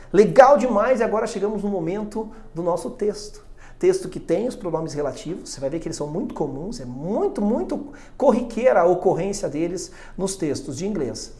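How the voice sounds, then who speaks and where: A man with a Brazilian Portuguese accent teaching an English lesson, lively and often checking in with quick tag questions. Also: high voice. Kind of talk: classroom-style video lesson.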